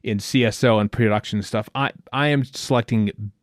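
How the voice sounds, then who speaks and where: A middle-aged man co-hosting a podcast in casual chat, animated and jokey, quick to exclaim. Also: fairly low pitch, no room sound, clean studio sound. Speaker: podcast co-host.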